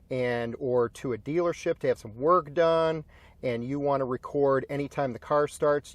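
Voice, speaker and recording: A man with an American accent explaining and narrating as the host of a car video. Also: a little high. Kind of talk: explanatory tutorial and storytelling narration.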